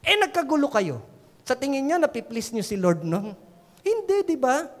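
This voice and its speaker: A woman's voice: high-pitched, big pitch swings, moderate pace. A woman pastor preaching a sermon, telling everyday stories and often prompting the congregation to answer back. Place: church sanctuary. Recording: long church reverb.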